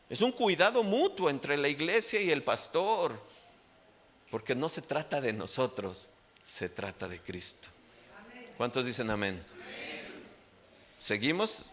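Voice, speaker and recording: A Mexican pastor with a Mexican Spanish accent, preaching a sermon emphatically and rising in pitch on key points. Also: male voice, very animated, a little slow, long pauses, fairly bright tone.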